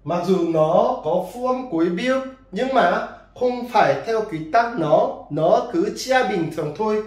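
A man's voice: sits high, expressive, measured pace, roomy sound. A man with a Korean accent, a native Korean speaker teaching a language lesson, drilling words and asking his students questions. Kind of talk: classroom lesson.

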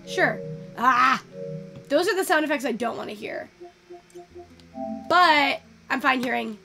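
A young woman chatting casually through a photo-editing tutorial, thinking out loud and swearing now and then. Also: high voice. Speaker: virtual photography streamer.

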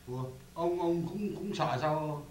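A man's voice: on the high side, slow pace, darkish tone, roomy sound, slight background noise, low-quality recording. A man acting in a stage comedy sketch, talking timidly and hesitantly.

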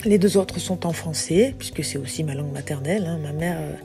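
A French woman in her forties, a singer-songwriter, speaks in a low, brisk voice. She rambles loosely through casual commentary on her music clips, hesitating often, while music plays beneath her.

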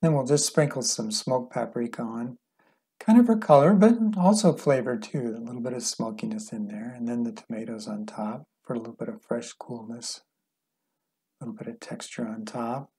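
A middle-aged man with a gravelly, slightly husky voice talks through a recipe step by step. His delivery is relaxed and unhurried, plain-spoken, as he cooks in a home kitchen. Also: mid-range voice. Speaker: cooking instructor. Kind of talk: calm step-by-step cooking demonstration.

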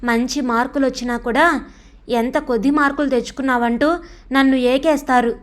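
A woman's voice: sits high, fairly even intonation, moderate pace, natural voice. A woman voicing a stubborn, resentful teenage son who talks back sarcastically in a storybook reading. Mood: defiant. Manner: sulky, defiant, sarcastic.

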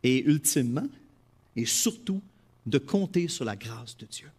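Animated Quebec French pastor preaching. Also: male voice, mid-range voice, measured pace, husky. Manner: animated, swings from loud emphasis to quiet asides. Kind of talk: sermon.

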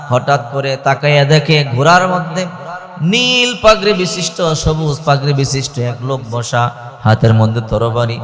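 A male preacher tells a story dramatically, acting out the characters and chanting Arabic verses. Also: mid-range voice. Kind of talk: sermon storytelling. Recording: echoey hall with long reverb.

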